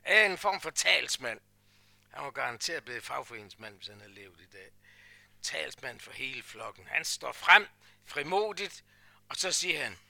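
High, bright gravelly preacher man. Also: no room sound, clean studio sound. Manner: emphatic preaching, swinging from hushed asides to loud declarations; repeats phrases in a rhythmic build. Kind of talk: sermon.

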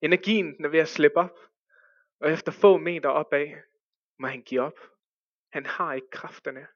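A man telling a story as a sermon, with hushed dramatic pauses that rise to urgent cries. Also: a little high, dry recording, highs cut off.

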